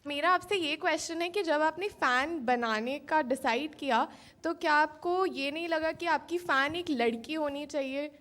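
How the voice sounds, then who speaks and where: A woman from the audience asking the guest a polite, measured question. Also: high-pitched, fairly bright tone.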